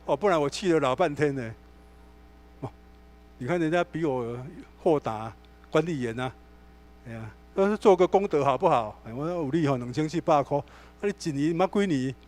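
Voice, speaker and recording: A man's voice: a little high, moderate pace. A male pastor with a Taiwanese Mandarin accent, preaching a sermon in a church and telling stories with acted-out dialogue. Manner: animated storytelling, acts out dialogue. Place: church sanctuary.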